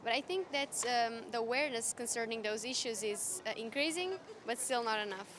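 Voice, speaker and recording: A young woman from Portugal answering a street interview outdoors, thoughtful and halting. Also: on the high side, a bit bright, slight background noise.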